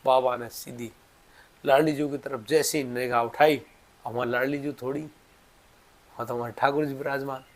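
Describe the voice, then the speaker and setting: A man narrating a devotional story, moving between hushed and raised delivery. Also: mid-range voice, steady tone, normal speed, pauses often.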